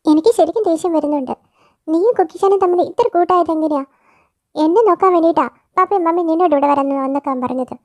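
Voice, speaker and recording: A woman's voice: extremely high pitch, fast, a little mellow, no room sound, voice pushed up. A woman voicing a jealous, pouting younger sister in a fan-made audio story. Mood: sulky. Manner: pouting, complaining.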